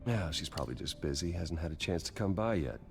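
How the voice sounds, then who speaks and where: An actor playing Bruce Wayne, a calm and guarded rich young man, in a video game. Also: low-pitched, fast talker, soft background music. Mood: reassuring.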